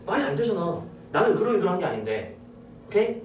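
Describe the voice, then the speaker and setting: A man's voice: high-pitched, big pitch swings, fast, a little hiss or hum. A young man lecturing on a poem for exam prep, talking casually and teasing his students. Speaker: Korean literature lecturer. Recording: echoey room, mic at a distance.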